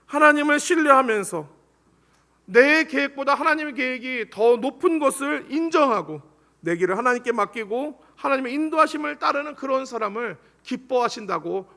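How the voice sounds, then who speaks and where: High, bright-voiced male pastor preaching. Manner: earnest preaching, leads congregation in reading scripture. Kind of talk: sermon. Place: church sanctuary.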